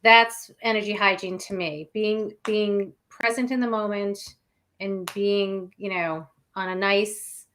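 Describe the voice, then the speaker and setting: Female meditation facilitator co-hosting, medium-pitched voice, informal conversational delivery. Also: steady tone, slow, fairly bright tone, slight background noise. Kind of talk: casual chat on a live show.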